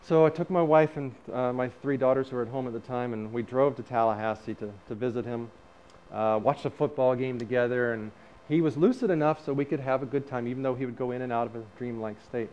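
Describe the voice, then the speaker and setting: A middle-aged man telling a personal story in a talk, lively, acting out the dialogue. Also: mid-range voice, a little fast. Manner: lively storyteller who acts out quoted dialogue. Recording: slightly dull recording with faint background noise.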